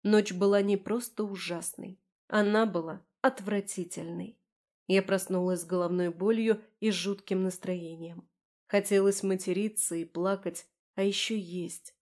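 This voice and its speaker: A woman's voice: medium pitch, steady tone, measured pace, darkish tone. Woman reading a first-person story. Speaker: audiobook narrator. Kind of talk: first-person audiobook narration.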